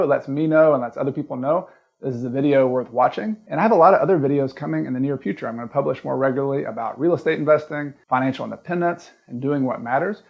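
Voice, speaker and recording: This Southern-accented host teaches real estate investing in a relaxed, plain-spoken video, walking through each step. He speaks in a mid-range voice with vocal fry, and the recording is muffled.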